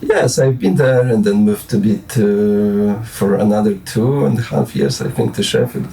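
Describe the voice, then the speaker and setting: A Polish musician in his forties, with a Polish accent, is a guest on a casual late-night interview, rambling, hesitating, and restarting with plenty of fillers. His fairly low voice is gravelly and mellow at a normal pace, picked up from far away.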